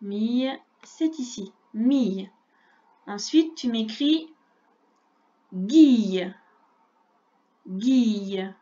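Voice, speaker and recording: A woman teaching a reading lesson to young children, speaking slowly and clearly and spelling out sounds patiently. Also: on the high side, lively intonation, dark tone, lo-fi sound. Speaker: primary school teacher.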